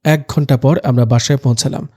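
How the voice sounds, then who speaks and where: Mellow young man narrating a story. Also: mid-range voice, fairly even intonation, brisk, husky. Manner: gentle, storytelling, light humor. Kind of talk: first-person story narration.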